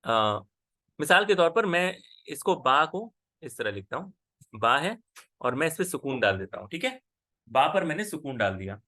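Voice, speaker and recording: A man with a somewhat high voice teaches a class. He explains patiently and keeps pausing to check that the student is following. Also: sing-song, bright, forceful tone. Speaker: Arabic grammar teacher. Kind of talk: online class lesson.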